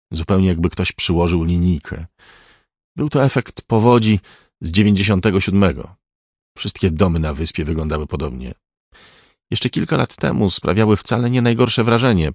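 Male narrator, very low voice, dry close sound, measured reading. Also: no room sound. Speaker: audiobook narrator. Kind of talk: scripted narration.

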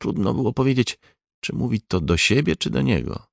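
A man reading an audiobook in a measured, even scripted narration. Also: medium pitch, gravelly, no echo, clean studio sound.

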